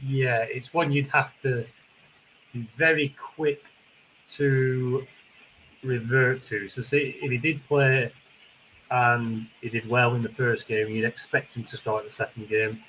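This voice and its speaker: A man's voice: mid-range voice, level tone, slow, a bit bright. Lancashire man chatting over heavy rain. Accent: Lancashire English. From Lancashire, northwest England. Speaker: fantasy football podcast host. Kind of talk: casual podcast chat. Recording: noisy, heavy rain on conservatory.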